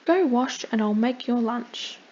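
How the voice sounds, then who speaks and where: Gentle storybook giantess, kind and hushed, read by a woman; slow and mellow, lo-fi sound. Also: fairly high pitch, a little hiss or hum, natural voice. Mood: soothing. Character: kind giant's wife, calm and soothing.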